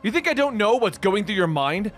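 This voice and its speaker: A man's voice: a little high, very animated, fairly quick, a bit bright, soft background music. A man voicing a sly, scheming woman con artist with a teasing, scornful manner. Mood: mocking.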